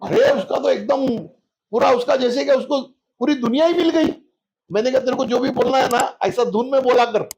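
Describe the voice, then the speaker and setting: A man's voice: very high-pitched, normal speed, darkish tone, lo-fi sound. A man as a spiritual guest, telling homely anecdotes in a casual interview and acting out the voices in them. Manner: anecdotal, folksy, acts out quoted voices.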